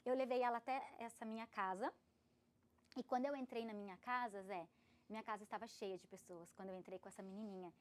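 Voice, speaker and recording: A woman in her thirties, a podcast guest, telling an emotional personal story in an animated, expressive way. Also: mid-range voice, fast talker. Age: 30s. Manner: animated, expressive, laughs often.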